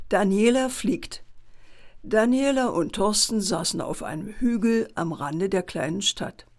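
A woman reading a children's bedtime story aloud in a gentle, unhurried way. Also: medium pitch.

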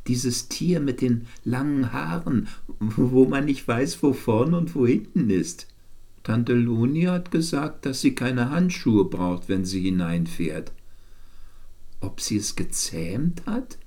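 A man's voice: mid-range voice, lively intonation, slow pace, warm tone. A man voicing a curious, stubborn little girl, the younger sister, in a bedtime story reading. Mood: insistent.

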